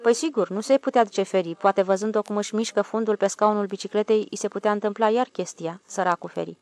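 A woman narrating a literary audiobook in a calm, even storytelling manner. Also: mid-range voice.

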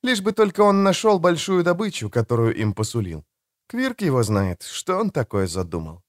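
A man voicing a quiet, wary young female exile, in a storybook reading. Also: a little high, sing-song, normal speed, dry recording, clean studio sound, pitched above the performer's own voice. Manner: quiet, whispering.

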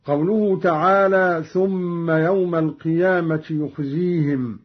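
A man speaks in a slow, deliberate way, giving a formal explanation of recitation variants and chanting each quoted verse to demonstrate it. His voice sits a little high. It comes through a dull, lo-fi old radio broadcast. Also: steady tone. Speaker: Quran recitation teacher.

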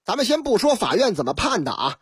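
A woman's voice: a little high, quick pace, husky, no room sound, clean studio sound. A woman radio host with a Beijing accent, telling comic stories in a chatty, teasing way. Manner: chatty, teasing, lively asides. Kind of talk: Beijing-dialect comic storytelling.

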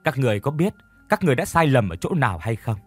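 A man voicing an older village woman, weary and grave, who tells the past in a slow, sighing way. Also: mid-range voice, very animated, slightly rough, no room sound, faint music behind.

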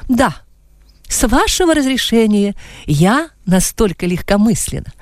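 A woman's voice: mid-range voice, sing-song, a little slow, a little mellow, no echo, studio quality. A woman voicing a proud young woman who speaks coldly and firmly. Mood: icy. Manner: cold, firm.

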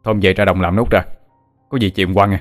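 Excitable young villager, as a male narrator puts him on, low voice, quick and eager, faint music behind. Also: close to an everyday voice. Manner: excited, rising to frantic shouts.

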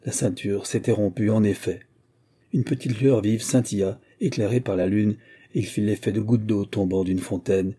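A man reading a novel aloud as an audiobook, in steady, measured narration. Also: on the low side, slightly rough. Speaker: audiobook reader. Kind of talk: scripted narration.

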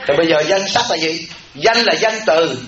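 A man's voice: fairly high pitch, normal speed, a bit bright. A man, a Buddhist monk, giving a humorous dharma talk, folksy and teasing, repeating words for comic effect. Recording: echoey, dull room recording with audience. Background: audience laughter.

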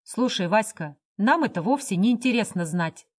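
A hearty, blunt man proclaims toasts and barks gruff orders at a guest, as a woman reading a story puts him on. His voice is loud and commanding in a storybook reading. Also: medium pitch, animated, moderate pace, lightly acted. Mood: stern.

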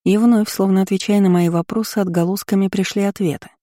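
A woman's voice: medium pitch, steady tone, fast talker, mellow, no room sound, clean studio sound. A woman narrating a first-person novel as an audiobook, reading steadily and expressively.

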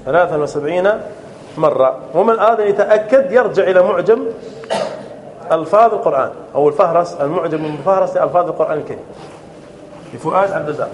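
A man teaching an Arabic grammar class. He repeats key phrases, keeps asking whether it is clear and calls on students to answer. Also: fairly high pitch, expressive, very fast, a little hiss or hum. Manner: often checks understanding with "clear?". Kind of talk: classroom lesson.

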